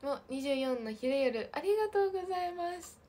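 A woman in her twenties with a light lilt, chatting casually on a livestream and reading viewer comments, often slipping into soft half-whispers. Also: high voice, expressive, fairly quick. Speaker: idol livestream host.

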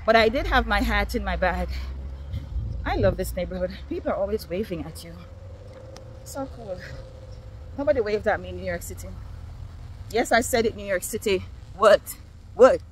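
A woman's voice: mid-range voice, moderate pace, long pauses, a little hiss or hum. A woman from Jamaica, chatting casually to viewers on a phone while walking outdoors, a little out of breath. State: slightly out of breath. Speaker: vlogger. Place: outdoors on a neighborhood street.

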